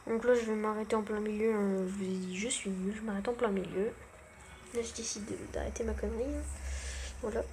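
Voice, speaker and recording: Gravelly young woman narrating gameplay. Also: medium pitch, fairly even intonation, brisk, a little mellow, slight background noise. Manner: chatty, self-mocking, gamer slang. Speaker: gaming channel host. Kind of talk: casual gameplay commentary.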